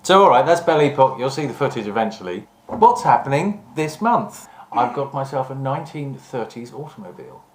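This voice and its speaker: A man's voice: mid-range voice, very animated, a little fast, few pauses, a little hiss or hum. A man hosting a casual, rambling, jokey chat about vintage events. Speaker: host. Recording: roomy, echoing room sound.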